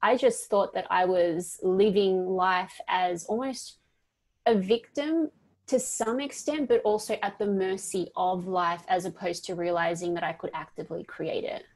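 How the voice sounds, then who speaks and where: A woman's voice: fairly low pitch, steady tone, unhurried, darkish tone. A woman in her thirties from Perth with an Australian accent, talking emphatically as a life coach guest in an interview. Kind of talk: casual interview talk.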